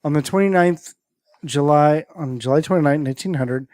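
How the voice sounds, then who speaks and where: A podcast host whose first language is Greek casually reads out a list of strange stories, now and then stumbling over names and words. His voice is fairly high and darkish in tone, and his pace is brisk. The studio sound is clean with no echo.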